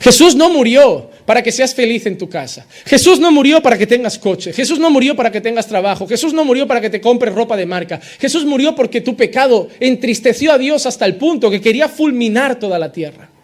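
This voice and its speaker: Pastor, male, very high voice, driving sermon cadence. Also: animated, a little fast, hardly any pauses. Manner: preaches with rising insistent repetition, acting out quoted believers.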